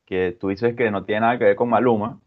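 Low-voiced man hosting, muffled. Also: a little fast. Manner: relaxed, friendly questioning. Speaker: podcast host. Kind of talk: casual podcast chat. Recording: dull, muffled sound.

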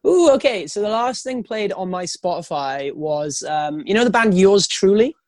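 A high-voiced man calls in by phone to a radio show. His talk is loose and rambling, full of "like" and "um", and the sound is dry and close with no room around it. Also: lively intonation, moderate pace, no room sound. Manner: rambling, lots of "like" and "um" fillers. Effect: heard over a phone line. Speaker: radio show guest, band member. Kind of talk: casual chat.

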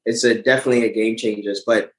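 A man's voice: on the low side, steady tone, quick pace, echoey room, rough recording. A young man co-hosting a casual podcast, talking in a loose, slangy way and often repeating words. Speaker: podcast co-host. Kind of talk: casual chat.

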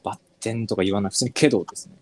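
A man from northern Kyushu, Japan, co-hosting a podcast in relaxed, chatty conversation, often trailing off and restarting. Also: fairly low pitch, rapid-fire. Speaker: podcast co-host. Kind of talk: casual chat.

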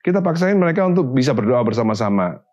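A man argues his point in a casual panel discussion, filling pauses with hesitations before pressing on insistently. The recording sounds slightly dull and muffled. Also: medium pitch. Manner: animated, pushy, hesitant with fillers.

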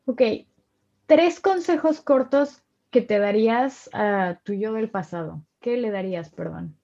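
A woman's voice: a little high, unhurried, vocal fry, warm tone, muffled recording. A woman interviewing a guest, asking short questions and prompting answers. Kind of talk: casual interview.

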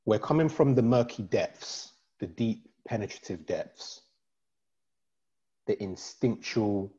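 Host: guy, very low voice, laid-back and jokey, on a dull lo-fi video call. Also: lively intonation, takes it slowly, mellow. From East London. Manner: joking, laid-back, rambling. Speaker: podcast host. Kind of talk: casual chat about astrology.

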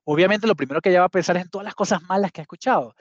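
A man's voice: high-pitched, rapid-fire, dry recording. A man, a guest telling his story earnestly and often restarting his sentences. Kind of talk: conversational storytelling. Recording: dull, dry sound.

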